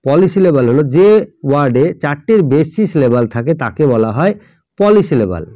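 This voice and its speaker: A man's voice: on the high side, big pitch swings, brisk, mellow, no room sound. A man explains English grammar to students at a patient pace. He spells words out letter by letter and keeps checking whether they follow. The recording sounds dull and lo-fi, with a dry, close sound. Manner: checks in often with "all right?".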